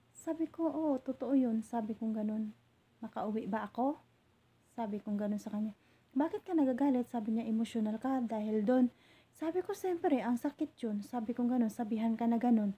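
Hurt woman retelling, husky dark voice. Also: fairly high pitch. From Philippines. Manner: hurt, halting retelling with many restarts. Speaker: domestic helper vlogger. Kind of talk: emotional personal storytelling.

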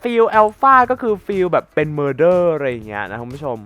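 A man's voice: on the high side, sing-song, a little fast, clear, resonant tone, muffled recording, faint music behind. A man hosting a gaming channel, giving playful gameplay commentary in a mock-formal, teasing and sarcastic way, full of exclamations.

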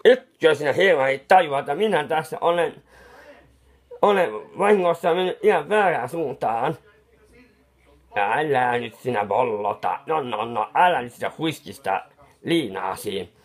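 Brief: a muddled, fussy clown who paints and rambles, pitch swooping up and down, mutters and restarts, as a man acts him out. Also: animated, close to an everyday voice. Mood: fussing. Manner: soothing, scolding someone who cries. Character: bumbling, befuddled male clown painter, fussy and kindly. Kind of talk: comic improvised monologue.

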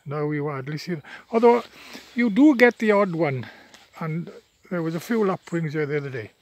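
With lively intonation and a voice on the high side, a Welsh man in his seventies chats at normal speed while filming his country walk by some wetland. Welsh is his native tongue, and though worn out from walking, he keeps up a plain, rambling vlog from behind his phone, full of fillers and restarts.

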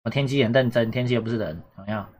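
A man's voice: mid-range voice, very fast, darkish tone, breathy edge. A man teaching a casual exam-prep lesson, repeating points and checking whether students follow. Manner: chatty, repetitive, asks "懂哈？有没有？" often. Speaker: Japanese teacher.

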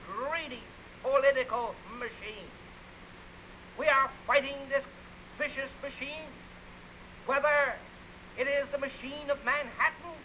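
A man making a forceful rallying campaign speech, heard on a 1930s newsreel sound recording. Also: very high voice, a little hiss or hum, low-quality recording. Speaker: political campaigner.

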